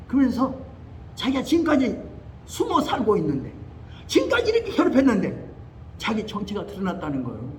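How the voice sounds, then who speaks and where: Older male pastor, high and very animated preaching voice, faint hiss behind. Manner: animated storytelling, acting out quoted voices. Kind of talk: sermon. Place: church sanctuary.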